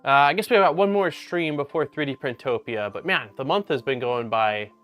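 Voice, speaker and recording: A man's voice: mid-range voice, brisk, fairly bright tone, faint music behind. A man hosting a casual livestream, talking in an upbeat, rambling way with lots of fillers. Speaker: livestream host.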